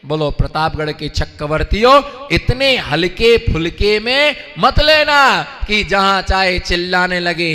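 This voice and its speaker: Male preacher, high bright voice, slow and emphatic, call-and-response, long hall reverb. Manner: call-and-response, urging the audience to repeat loudly; acts out dialogue in a storytelling way. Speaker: Jain monk giving a discourse. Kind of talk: sermon.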